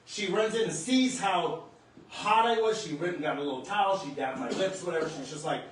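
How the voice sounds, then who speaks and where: Brief: earnest man, slightly higher voice, telling a personal story in a very echoey home room, mic set back, faint hum. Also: far from the mic. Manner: earnest, halting, reliving the moment. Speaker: spiritual storyteller. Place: room in his home near the kitchen.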